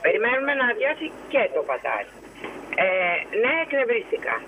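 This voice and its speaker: A woman's voice: fairly high pitch, sing-song, a bit bright, a little hiss or hum. Indignant woman on a phone line. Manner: agitated, indignant, fast retelling with quoted dialogue. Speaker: mother phoning in to a show. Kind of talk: phone-in interview, recounting a complaint.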